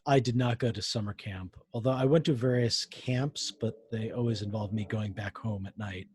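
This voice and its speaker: A man's voice: fairly low pitch, steady tone, moderate pace, a little mellow, breathy edge. A young adult man co-hosting a podcast in casual chat, making dry, wry remarks. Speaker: podcast co-host.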